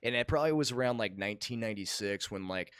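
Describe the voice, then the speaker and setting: A man's voice: lowish voice, animated, fast, fairly bright tone, clean tone, dry recording, studio quality. A man, a pro wrestler chatting as a podcast guest in an enthusiastic, rambling way. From Houston, Texas. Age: 30s. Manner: enthusiastic, rambling, frequent fillers and restarts. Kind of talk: casual podcast interview.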